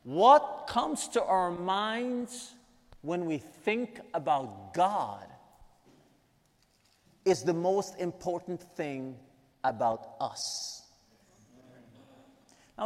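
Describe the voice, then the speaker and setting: A man from Guyana preaches a sermon with prayer, teaching a lesson and repeating key lines emphatically for weight. His gravelly voice is fairly high with big pitch swings, delivered slowly with long pauses, in a large hall with long reverb.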